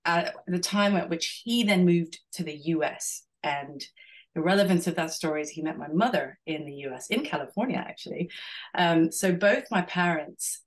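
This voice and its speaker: Low-voiced middle-aged woman, reflective. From Venezuela. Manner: reflective, many restarts and fillers. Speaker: podcast guest, executive coach. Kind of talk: conversational interview.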